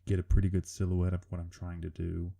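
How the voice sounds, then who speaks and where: A man speaks in a low, gravelly rumble with a very dark tone, like a serial killer. He narrates his drawing informally, hesitating and putting himself down as he goes. His language is casual and sweary. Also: monotone, fairly quick. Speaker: artist narrating a drawing video. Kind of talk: informal drawing commentary voice-over.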